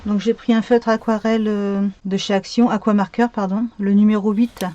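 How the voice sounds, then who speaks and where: Mellow-voiced woman chatting through a craft tutorial. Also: medium pitch, level tone, normal speed, muffled recording. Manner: chatty, thinking aloud with many fillers.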